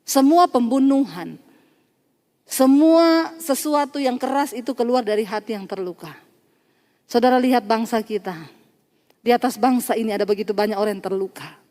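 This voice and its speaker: A woman's voice: a little high, normal speed, a little mellow, big-room sound. A woman preacher delivering a sermon, telling a story with acted quotes, sudden emphasis and laughter.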